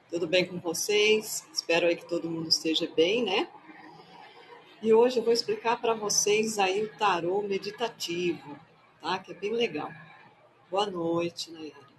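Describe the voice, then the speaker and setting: A playful woman chats casually on her live stream, welcoming viewers by name. She takes her time, speaking slowly and easily, while a faint hum sits behind her voice. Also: mid-range voice, rough recording. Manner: playful, chatty, greets viewers one by one. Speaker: live-stream host and tarot reader.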